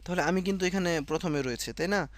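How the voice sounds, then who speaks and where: A man's voice: sits high, fast talker, no echo. A man teaching French in a casual spoken lesson, explaining step by step and correcting himself often. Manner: explains step by step, repeats himself, many fillers and self-corrections.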